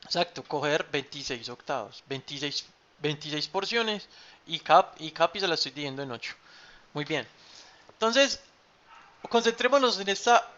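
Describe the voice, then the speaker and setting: A man's voice: a little high, expressive, normal speed, pushed and bright. A man teaching an online math class, patient, repeating key terms and checking with "cierto?". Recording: dull lo-fi sound.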